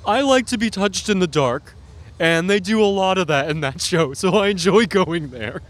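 A man's voice: high-pitched, expressive, moderate pace. A man voicing a timid, goofy monster who lives under the bed, talking bashfully as a puppet at a haunt event. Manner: goofy, bashful, nervous joking.

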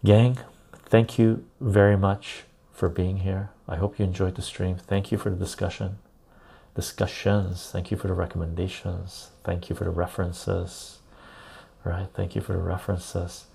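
A man's voice: low-pitched, little pitch movement, moderate pace, creaky, mellow, slightly rough. A man hosting a casual live stream, chatting to viewers and repeating phrases for emphasis, recorded on a clip-on lapel mic. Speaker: live stream and podcast host.

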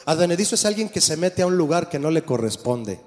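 A pastor delivers an animated sermon, his voice pitched high for a man. He keeps turning to the congregation with questions. The sound carries a long reverb from the church hall. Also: fast talker.

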